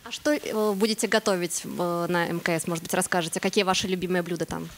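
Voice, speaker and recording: A woman journalist from Belarus asking questions at a press conference, quick and chatty. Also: lowish voice, steady tone, a little hiss or hum.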